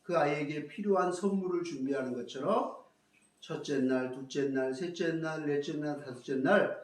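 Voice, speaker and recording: A man preaching a sermon as pastor, telling a story with lively acted-out quotes. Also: on the high side, moderate pace, far from the mic. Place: church hall. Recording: echoey hall, voice from afar.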